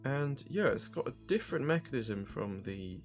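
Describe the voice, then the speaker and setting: A man's voice: mid-range voice, big pitch swings, normal speed, gravelly. A man casually reviewing puzzle cubes, rambling and correcting himself as he thinks aloud over background music. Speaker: cube reviewer.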